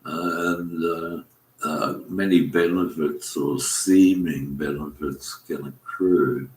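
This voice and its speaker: A man, rambling through a spoken monologue, halting often with fillers and restarts. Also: extremely low pitch, fairly even intonation, darkish tone. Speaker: commentator. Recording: echoey room.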